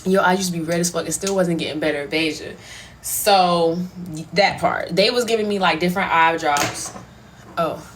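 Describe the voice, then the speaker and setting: A woman vlogger telling a personal story in a casual, slangy, profane and animated way. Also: fairly low pitch, moderate pace, a little hiss or hum.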